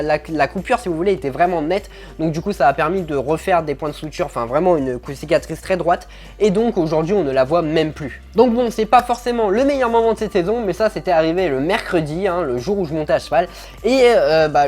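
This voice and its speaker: A man talking casually to his viewers in a vlog, upbeat and chatty, telling his story with lots of fillers. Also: high-pitched. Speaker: show-jumping vlogger.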